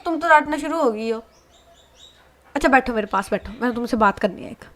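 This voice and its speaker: A sulky young woman patient in a spoken love story, wheedling and pleading, as a woman narrator voices her. Her voice sits fairly high and stays close to the teller's own. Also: lively intonation, a little fast, close to an everyday voice.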